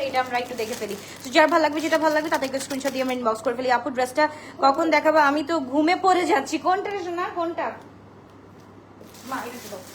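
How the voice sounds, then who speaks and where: High, fast-talking woman selling dresses live. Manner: chatty, greets viewers by name, mixes in English phrases. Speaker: online boutique seller hosting a live sale. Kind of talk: live-stream sales pitch. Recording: roomy echo with steady background noise.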